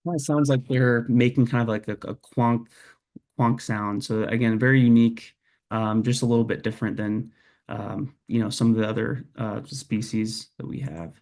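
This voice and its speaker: A man's voice: medium pitch, little pitch movement, moderate pace, vocal fry, darkish tone. A young man giving a casual, hesitant lecture over a video call, with many fillers and restarts. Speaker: presenter. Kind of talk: online lecture presentation.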